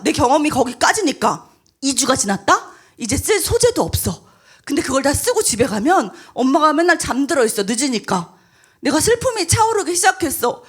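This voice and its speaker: A woman speaking to teenagers at a church retreat, telling a story and acting out its dialogue. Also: high-pitched. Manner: lively storyteller who acts out dialogue. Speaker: guest speaker and author. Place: church hall at a youth retreat.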